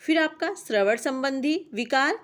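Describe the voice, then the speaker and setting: A young woman teaching a class on language teaching, reading out lists of points in a steady classroom manner. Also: high voice, a little slow. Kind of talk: exam-prep lecture reading out points.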